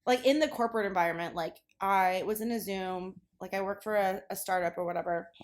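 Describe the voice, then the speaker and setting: A woman's voice: medium pitch, fairly quick. A young woman co-hosting a podcast, chatty and curious, swearing casually. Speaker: podcast co-host. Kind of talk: casual chat.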